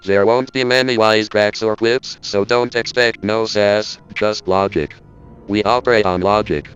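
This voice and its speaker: A man playing an indignant robot spokesman who delivers a stiff, deadpan lecture in a smooth, resonant voice. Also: lowish voice, moderate pace, dull audio, soft background music, natural voice. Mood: stern. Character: indignant male robot spokesman, cold and logical. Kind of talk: scripted parody monologue.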